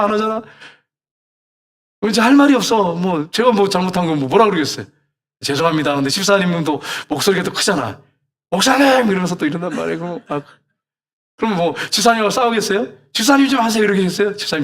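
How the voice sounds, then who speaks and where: Middle-aged male pastor; quick, urgent preaching delivery, scolds and challenges the flock. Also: high-pitched, a bit bright. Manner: exhorting, scolding with rhetorical questions. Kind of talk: sermon.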